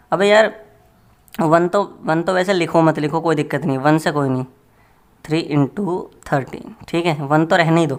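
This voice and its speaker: Male maths tutor, casual and joking, friendly classroom patter. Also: a little high. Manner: chatty and joking, addressing students as friends.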